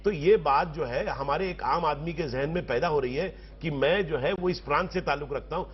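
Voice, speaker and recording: A man with a fairly high voice makes his case as a panelist in a televised debate. He drives his points home forcefully in long, rhetorical sentences. The broadcast audio sounds somewhat dull. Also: normal speed, breathy edge. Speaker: political panelist.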